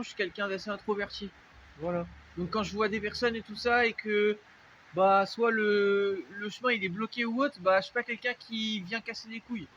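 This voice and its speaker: A man's voice: sits high, sharp tone, muffled recording, slight background noise. A young man from France with a French accent, chatting loosely in a casual vlog, rambling with lots of fillers and restarts. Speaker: vlogger. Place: dark unlit spot, vehicle noise around.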